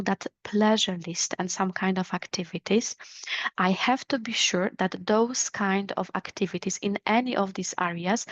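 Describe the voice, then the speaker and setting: A woman presenting an online webinar over a video call, explaining in a measured way and speaking directly to her listeners. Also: medium pitch, no room sound. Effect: heard over a video call. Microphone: video call microphone. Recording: slightly dull, dry video call audio.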